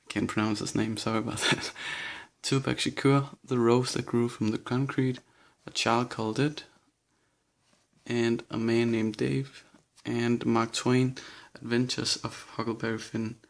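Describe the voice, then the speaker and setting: A young male vlogger with a Danish accent gives a casual bookshelf tour, listing his books in a slow, flat, medium-pitched voice with vocal fry. He sounds hesitant, nervous, and shaky.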